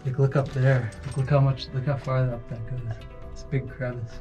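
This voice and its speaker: A man's voice: medium pitch, flat delivery, moderate pace, over music. A man hosting a casual exploring vlog, talking in a slangy, joking, exclamatory way. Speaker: vlog host.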